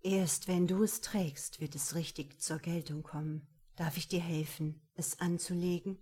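A woman voicing a gentle, teasing man courting a young woman, speaking low and murmuring in an audiobook. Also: steady tone, measured pace, slightly rough. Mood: tender. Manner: soft, low, murmuring delivery. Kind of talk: audiobook character reading.

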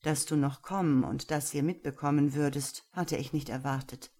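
A woman voicing a self-assured older man who speaks slowly with teasing calm. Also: deep voice. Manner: slow, teasing, unhurried.

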